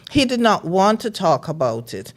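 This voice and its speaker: A middle-aged woman from Jamaica, a librarian and guest, telling her story in calm, measured casual interview talk. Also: medium pitch.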